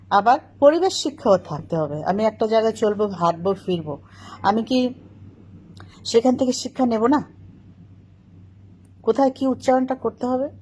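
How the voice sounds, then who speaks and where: A woman's voice: a little high, a little mellow. Middle-aged woman lecturing on correct pronunciation. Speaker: vlogger answering critics. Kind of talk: talking to camera.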